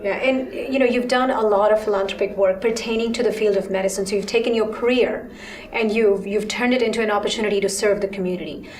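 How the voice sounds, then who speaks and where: A woman's voice: medium pitch, fairly even intonation, fast, echoey room. A woman hosting an interview, opening with polished scripted introductions and asking questions. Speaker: host.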